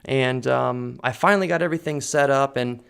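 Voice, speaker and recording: Speaking loudly into a desk condenser mic on a boom arm, a male vlogger talks to camera at home in a casual, personal way. His medium-pitched voice is fairly quick, gravelly yet smooth, and he rambles earnestly with plenty of fillers and restarts.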